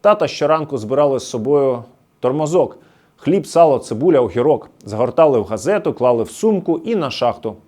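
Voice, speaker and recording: Lively male documentary narrator. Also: mid-range voice, brisk. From Luhansk region, Ukraine. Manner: nostalgic storytelling, reading word by word with explanations.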